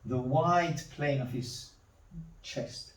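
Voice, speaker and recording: A man demonstrating charcoal drawing, talking slowly to himself as he works and repeating words under his breath. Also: medium pitch. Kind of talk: thinking-aloud drawing demonstration. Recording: roomy, mic at a distance.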